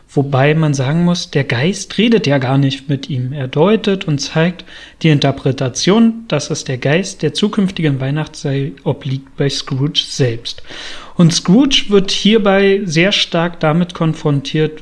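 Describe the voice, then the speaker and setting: Man calmly explaining a classic novel. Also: on the high side. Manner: calm, explanatory, frequent fillers. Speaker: literature explainer. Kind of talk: spoken literary analysis.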